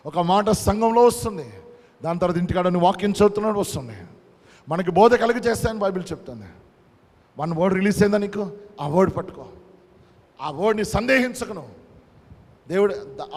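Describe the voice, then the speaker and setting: A male pastor delivers a fervent sermon, hammering home his points through repetition and dropping in English phrases. His voice sits high for a man. A long hall reverb trails behind each line. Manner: preaching with emphatic repetition, mixing in English phrases.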